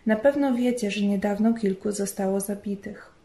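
A woman's voice: medium pitch, moderate pace, mellow, lightly acted. A woman reading a shaken young missionary wife. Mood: subdued. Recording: roomy echo.

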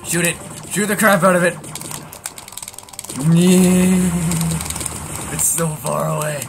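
A man casually coaching his friend through a game, teasing and often loud, with game music behind. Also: a little high, level tone, slow pace, noisy background. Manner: backseat coaching, gets loud. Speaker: co-commentator. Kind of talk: casual gameplay commentary.

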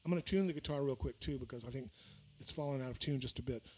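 Speaking fast in a mid-range, slightly mellow voice with a breathy edge, an older man from the American South chats between songs on a livestream. Born in Mississippi and raised in Louisiana, he's a musician at a small venue, rambling into a vocal mic on a stand with lots of fillers and restarts.

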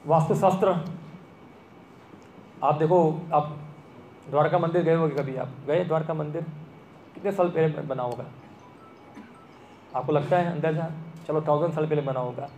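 Male lecturer, conversational, quizzes the audience, a bit high-pitched, echoey room. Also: moderate pace, pauses often, darkish tone, slight background noise. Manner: conversational, asks the audience questions. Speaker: speaker giving a talk. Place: temple hall. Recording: echoey room with faint ambience.

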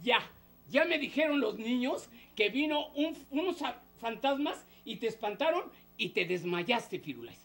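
A woman with a Mexican Spanish accent performing a children's puppet show, playful and animated as she quizzes and coaxes a young audience. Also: a little high, measured pace, creaky, soft background music.

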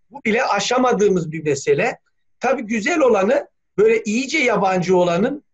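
A man speaking as a language scholar in an academic meeting, talking thoughtfully with many hesitations. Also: sits high. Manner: thoughtful, hesitant, frequent "e" fillers, spells words letter by letter. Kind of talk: academic discussion on a video call. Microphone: video call. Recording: dull lo-fi video call audio.

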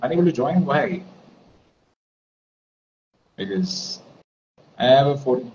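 Casting: male streamer in his twenties, Indian accent, rambling casual chat, mid-pitched voice, background noise. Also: expressive, slow pace, a little mellow. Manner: rambling, switches between English and Hindi. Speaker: live stream host. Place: indoors, plain-walled room. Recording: dull lo-fi stream with clear noise.

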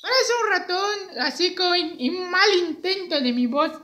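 Guy doing a squeaky puppet buddy for a kids skit, cheeky, heckles a lot, jumps all over in pitch. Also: animated, normal speed, pushed and bright, heavily acted. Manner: teasing, heckling.

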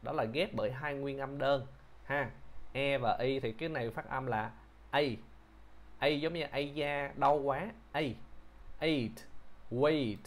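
A man teaching English pronunciation, who repeats each word slowly and patiently explains how to shape the mouth. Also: mid-range voice. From Vietnam. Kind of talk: pronunciation lesson.

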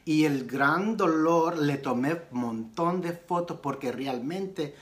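A man telling a personal story in a casual makeup vlog, animated and mixing in English phrases. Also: slow. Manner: animated retelling with sudden pitch jumps. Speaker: beauty vlogger.

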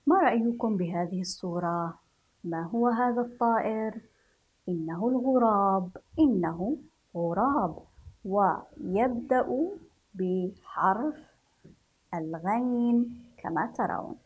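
A woman teaches young children to read, sounding out each syllable at an unhurried, deliberate pace. Her voice is soft and slightly husky, sitting at an ordinary middle pitch. She repeats every word patiently and praises the class. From Yemen. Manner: spells syllables slowly and repeats words for children to follow; gently encouraging, praises the class. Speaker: primary school teacher. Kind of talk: children's reading lesson.

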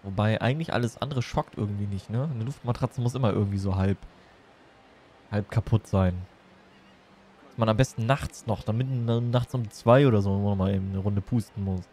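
A man's voice: lowish voice, fairly quick, a little mellow, a little hiss or hum. A man chatting casually and playfully as he livestreams a game, rambling from one thing to the next. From Germany. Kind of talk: casual chat while streaming a game.

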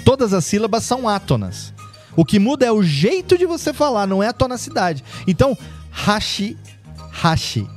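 A man's voice: high-pitched, big pitch swings, brisk, darkish tone, faint music behind. A man on a casual podcast, eagerly explaining and sounding out foreign words. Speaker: podcast guest.

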